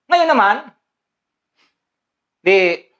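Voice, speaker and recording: A woman's voice: medium pitch, very animated, drawn-out words, a bit bright, muffled recording. A woman playing a teasing karate teacher in a comedy skit, calling out short commands and laughing often.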